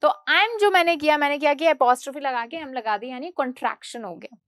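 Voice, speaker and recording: A high-pitched woman leads a grammar lesson, switching between Hindi explanation and slow, careful English readings. She keeps posing questions and answering them herself. The sound is dry and close, with no room around it. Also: a bit bright, no room sound. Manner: reads English definitions slowly, explains in Hindi. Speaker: teacher.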